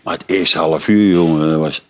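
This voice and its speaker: A man's voice: a bass voice, steady tone, moderate pace. An older man, a football pundit, telling blunt, colloquial stories in a casual podcast chat.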